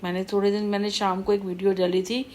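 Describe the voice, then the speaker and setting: A woman's voice: mid-range voice, little pitch movement, quick pace, darkish tone. A middle-aged woman talking casually to her viewers, rambling and repeating her warnings in a scolding way. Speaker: vlogger. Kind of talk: casual monologue to camera.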